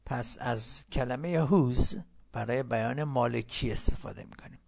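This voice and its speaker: A man teaching English in a recorded lesson, patiently explaining and repeating English phrases slowly. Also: mid-range voice, gravelly, darkish tone.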